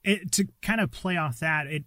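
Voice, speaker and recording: A man's voice: fairly high pitch, normal speed, bright, forceful tone, no echo. Casual male podcast host, dry closet sound. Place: small closet at home.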